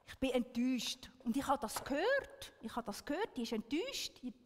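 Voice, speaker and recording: A woman's voice: high voice, big pitch swings, a little fast, long reverb tail, a little hiss or hum. A woman giving an earnest talk to an audience, often checking in with a questioning "right?". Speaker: speaker.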